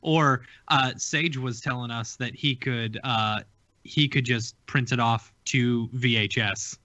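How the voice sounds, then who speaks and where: Brief: male co-host, bright sharp voice, chatty, dry close mic on dull lo-fi audio. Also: medium pitch, steady tone, no room sound. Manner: chatty, quick to laugh along. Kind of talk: casual live-stream chat.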